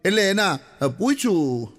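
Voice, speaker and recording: A man's voice: high-pitched, sing-song, unhurried, fairly bright tone. A middle-aged man with a Kathiyawadi Gujarati accent, telling comic stories in a folksy, chatty way and speaking straight to his audience. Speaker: folk comedian. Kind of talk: live comic storytelling.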